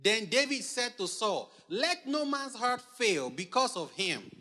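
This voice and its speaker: High, lively preaching man in a hall. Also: a little slow. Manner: emphatic preaching, repeating phrases, asking the congregation questions. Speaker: pastor. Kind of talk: sermon. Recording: long hall reverb.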